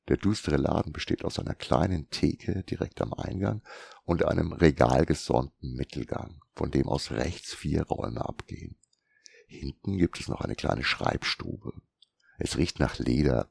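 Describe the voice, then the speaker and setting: Very deep gravelly male narrator. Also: a little mellow, dry recording. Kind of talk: audiobook narration.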